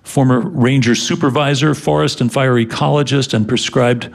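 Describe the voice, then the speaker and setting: A man's voice: mid-range voice, moderate pace, gravelly. A man hosting a live radio show, introducing music and interviewing a guest in a casual, easygoing manner. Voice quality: casual, relaxed delivery with fillers.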